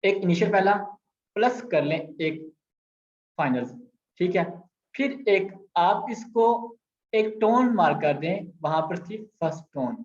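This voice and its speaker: Slow-talking Pakistani Urdu man teaching. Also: sits high, expressive. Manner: patient, repeats sounds slowly, mixes in English. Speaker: language teacher. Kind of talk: explaining grammar with screen examples. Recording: echoey, slightly dull sound.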